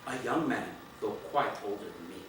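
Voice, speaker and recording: A man reading his own first-person story aloud in a dramatic way, swinging between hushed and loud passages. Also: on the low side, lively intonation, normal speed, noisy background. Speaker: reader of his own play. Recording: echoey room from far off, faint ambience.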